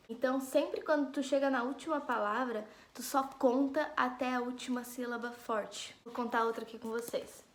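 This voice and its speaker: A woman's voice: fairly high pitch, a bit bright, echoey room. A woman teacher giving a recorded class lesson in a chatty, explanatory way, stressing syllables one by one and talking straight to her students. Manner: chatty, addresses students directly. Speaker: school teacher.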